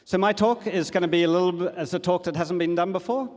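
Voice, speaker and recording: A man's voice: sits high, fast talker, darkish tone. A middle-aged man giving a casual, enthusiastic conference talk, with plenty of fillers. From Australia. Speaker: conference speaker. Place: large conference hall. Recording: long hall reverb.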